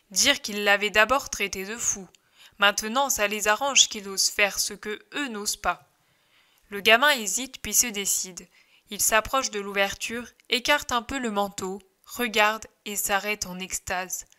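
A woman narrating a devotional religious book in a steady, gentle audiobook style. Her tone is bright and clear, at a middle pitch for a woman. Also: measured pace. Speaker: audiobook reader. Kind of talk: scripted narration of a religious text.

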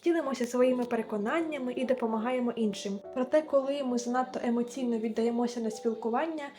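A woman's voice: fairly high pitch, quick pace. Earnest young woman giving study tips. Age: late teens. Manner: earnest, gentle advice-giving. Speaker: vlogger. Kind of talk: advice vlog narration. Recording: echoey room with music underneath.

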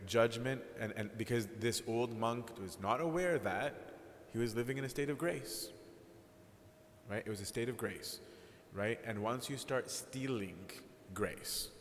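A man's voice: mid-range voice, unhurried. A male priest giving a conversational sermon, candid and self-deprecating, often checking in with "right?". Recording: echoey hall, faint background noise.

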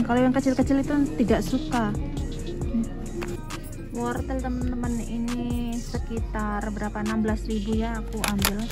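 With a voice on the high side, a family vlogger keeps up casual, chatty talk with her viewers as friends during a shopping trip. She records on a handheld phone or camera at arm's length, going from outdoors by roads and car parks to inside a supermarket.

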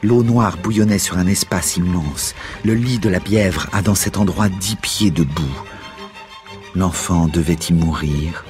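A man reading a classic novel aloud on the radio, telling the story in a measured, dramatic way. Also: low voice, a little mellow, soft background music.

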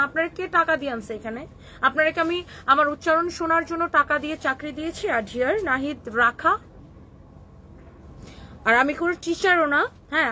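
A woman's voice: high-pitched, bright, forceful tone, slight background noise. Defiant woman with a Kishoreganj accent. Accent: Kishoreganj Bengali. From Bangladesh. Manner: scolding, defiant, mixes English words into Bengali. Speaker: clothing shop owner hosting a live stream. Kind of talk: live stream reply to viewer comments.

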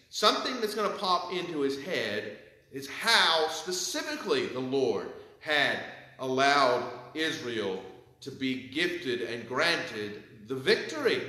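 A man in his thirties preaching a sermon from a pulpit in a church sanctuary, with measured delivery. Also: fairly high pitch, pushed and bright, heavy reverb, low-quality recording. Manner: measured preaching, reads scripture with rising emphasis. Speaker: pastor. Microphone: pulpit mic, far camera.

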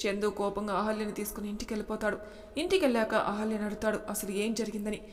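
A woman reads a story aloud in a steady, matter-of-fact manner, her pitch staying flat and even. Her voice sits in a long, hall-like reverb. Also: quick pace. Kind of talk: audiobook narration.

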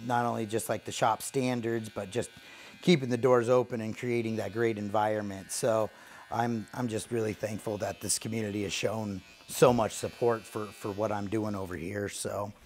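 A man's voice: on the low side, little pitch movement, normal speed, darkish tone, slight background noise. A man in his thirties, a barbershop owner, talking earnestly and gratefully in a casual interview while he cuts hair, with lots of fillers. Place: barbershop basement.

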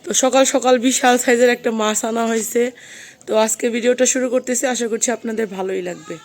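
Woman home vlogger, Bangladeshi accent, hoarse with a cold, slightly high voice, chatty, shot on a phone. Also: fairly even intonation, fast talker. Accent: Bangladeshi Bengali. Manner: chatty, showing food to the camera. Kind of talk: casual home vlog narration.

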